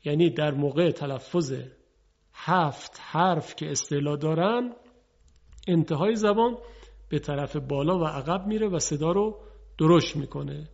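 A man teaching Quran recitation, slowly and deliberately enunciating letter sounds for his students. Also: a little high, gravelly, darkish tone. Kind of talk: scripted instructional lesson. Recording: dull lo-fi broadcast audio.

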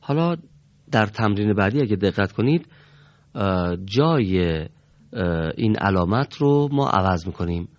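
A low-voiced man leads a Quran reading class, patient and formally polite. He carefully says letter sounds aloud for his students to repeat. The recording is dull and lo-fi. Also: lively intonation. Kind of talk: classroom instruction.

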